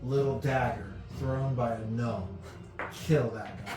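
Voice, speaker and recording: A man narrating a tabletop game casually as game master, haltingly and often checking in with his listeners. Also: mid-range voice, steady tone, a little mellow. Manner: halting, checks in with "you know" and "right?". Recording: roomy, distant mic with music behind. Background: music.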